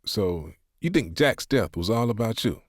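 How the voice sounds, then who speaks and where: This is a seasoned pastor, patient and compassionate, who steers a hurting friend with firm words and wry, teasing questions, voiced by a man. His voice sits a touch higher than the narrator's and is recorded close and dry. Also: big pitch swings, moderate pace, darkish tone, dry recording. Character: patient older male pastor, gently sarcastic.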